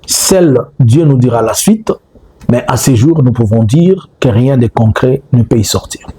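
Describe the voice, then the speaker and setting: A man giving spoken political analysis, measured, with frequent rhetorical questions and hesitant fillers. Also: mid-range voice, expressive, mellow. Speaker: political commentator.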